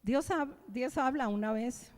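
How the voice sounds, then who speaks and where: A woman pastor with a Bogotá Colombian accent, preaching animatedly and shifting from loud exclamations to hushed prayer in a church. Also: high voice, a little slow. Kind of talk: sermon. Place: large church sanctuary. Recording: echoey church hall.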